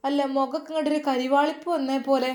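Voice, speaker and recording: A woman voicing a gentle, concerned young wife with a Malappuram accent, speaking softly. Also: sits high, level tone, fast, natural voice. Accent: Malappuram Malayalam.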